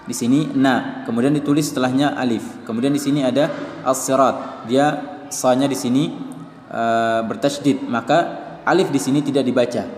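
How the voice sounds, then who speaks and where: A man's voice: medium pitch, fairly even intonation, moderate pace, darkish tone, a little hiss or hum. A man with an Indonesian accent teaching Quran reading, methodically explaining the written signs step by step. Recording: reverberant hall with faint music.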